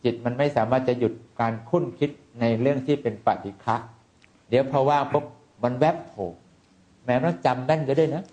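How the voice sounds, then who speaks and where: A Buddhist monk giving an informal dharma teaching in lively, repetitive speech, now and then mimicking the people he describes. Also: medium pitch, fairly quick, slight background noise.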